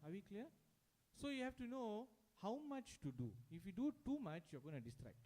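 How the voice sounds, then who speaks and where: High-voiced man teaching a devotional singing workshop. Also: sing-song, brisk, dark tone. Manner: conversational, checks in with the audience often. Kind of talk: teaching with sung examples. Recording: music playing behind.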